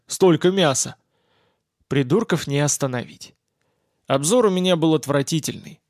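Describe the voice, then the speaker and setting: A man's voice: mid-range voice, darkish tone, no room sound. A man narrating a first-person audiobook in a wry, weary way, close to the mic. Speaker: audiobook reader.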